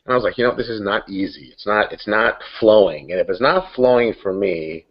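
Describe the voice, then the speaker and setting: A man's voice: on the low side, lively intonation, a little fast, dull audio. A man hosting a casual online coaching hangout, rambling and searching for his words, talking through a computer mic on a video call.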